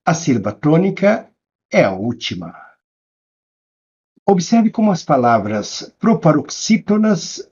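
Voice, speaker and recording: A man teaching a grammar lesson in scripted narration, spelling out examples slowly and with emphasis. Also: on the high side, darkish tone, slightly rough, dull audio. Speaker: Portuguese teacher.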